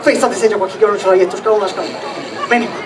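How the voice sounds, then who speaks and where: A man's voice: high-pitched, fairly even intonation, rapid-fire, crowd noise, lightly acted. A man playing a cranky, sleepless grumbler in a Sicilian dialect stage comedy, exasperated and repetitive. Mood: grumbling. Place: large hall, live stage. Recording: distant theatre hall recording, noisy audience.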